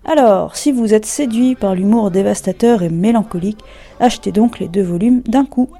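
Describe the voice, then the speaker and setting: A woman presenting a scripted radio book column in a measured, wry manner. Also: mid-range voice, mellow.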